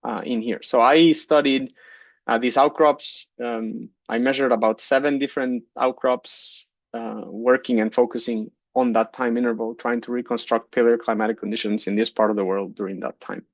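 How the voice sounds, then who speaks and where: Man from Guatemala, 30s, keynote speaker; mid pitch, dry, dull call audio. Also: normal speed, dry recording. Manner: relaxed, many fillers and restarts. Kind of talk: conference keynote talk. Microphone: computer mic on a video call.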